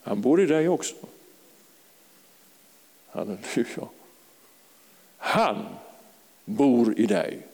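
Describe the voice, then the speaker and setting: A man preaching a fervent sermon to a congregation, calling out hallelujahs and sometimes rising to a shout. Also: mid-range voice, sing-song, long pauses, slightly rough, big-room sound. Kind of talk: charismatic sermon. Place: church.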